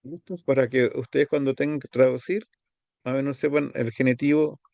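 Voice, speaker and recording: A male teacher talks through a Greek grammar lesson. He goes step by step and repeats each word form slowly. The sound is dry and close, with no room echo. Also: medium pitch, little pitch movement, vocal fry, dark tone, lo-fi sound. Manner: explains step by step, repeats words slowly, pauses to find his page.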